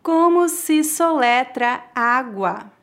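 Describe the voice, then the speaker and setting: This woman teaches pronunciation with a Brazilian Portuguese accent, her high voice carrying lively intonation as she enunciates clearly and deliberately for learners to echo.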